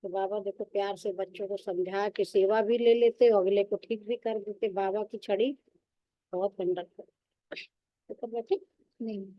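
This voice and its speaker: A woman's voice: medium pitch, fairly even intonation, measured pace, no echo, muffled recording. A woman spiritual teacher giving a devotional sermon, telling stories with repetition and rhetorical questions.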